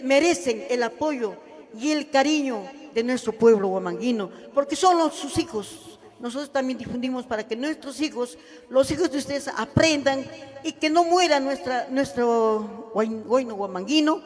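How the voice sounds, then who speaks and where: A woman folk singer with an Ayacucho Peruvian accent, singing and speaking earnestly to the audience at a live cultural event. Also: high-pitched. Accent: Ayacucho Peruvian Spanish. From Ayacucho, Peru. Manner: earnest, heartfelt address to the audience. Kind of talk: live huayno singing and stage talk. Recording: long echoing reverb, faint music.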